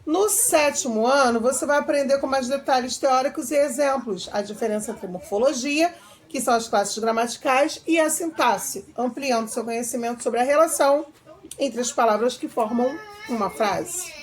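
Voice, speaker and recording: A woman's voice: sits high, normal speed. A woman teacher with a Brazilian Portuguese accent, explaining grammar step by step in a recorded video lesson. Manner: explains step by step, reads examples aloud with varied intonation.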